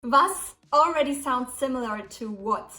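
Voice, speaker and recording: A woman teaches German with slow, careful explanations. Her high voice rings in an echoey room. She sits at a distance from the mic, and soft music plays behind her. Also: animated. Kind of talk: English lesson with German example dialogues.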